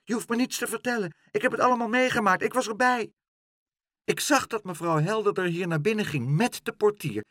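A man reading a storybook aloud, voicing a plump, chatty female pigeon who coos and talks fast. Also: high voice, a bit bright, no echo, studio quality, pitched above the performer's own voice. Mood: chatty, caring. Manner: cooing and quick-talking.

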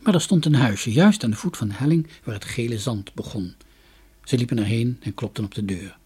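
Expressive male storyteller, husky voice. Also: medium pitch, a little fast. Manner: expressive, lilting storybook delivery. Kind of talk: children's story reading.

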